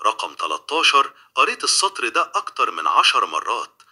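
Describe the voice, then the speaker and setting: A man's voice: mid-range voice, huge pitch swings, fairly quick, pushed and bright, slightly rough. A young man with an Egyptian accent reading a dramatic first-person crime story. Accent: Egyptian Arabic. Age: young adult. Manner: dramatic, tense.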